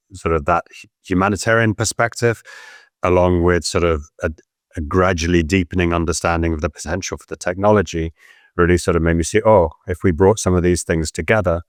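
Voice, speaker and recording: A middle-aged man who grew up in Pakistan, explaining his work as an interview guest in a measured, hedging way. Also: low-pitched, clean tone, no echo, clean studio sound. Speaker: guest, humanitarian adviser. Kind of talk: casual interview chat.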